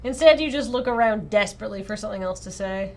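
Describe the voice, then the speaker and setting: A woman with a medium-pitched voice talks fast as she performs a visual novel on a livestream. Her reading is casual and animated, frequently interrupted by her own playful asides.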